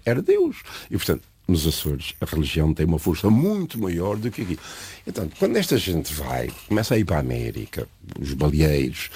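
A man's voice: low voice, a little mellow, husky, no room sound. An older man from São Miguel, an interview guest telling stories and musing, drifting off into history and geography as he talks. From Azores, São Miguel. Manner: digressive, reflective, lecturing. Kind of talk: conversational storytelling interview.

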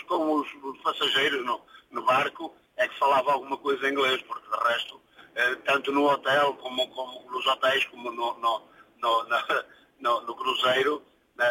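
A Portuguese truck driver calls in to a radio show for a casual phone chat, often stumbling over repeated words. His medium-pitched voice has a sharp tone and breathy edge, captured in a low-quality recording.

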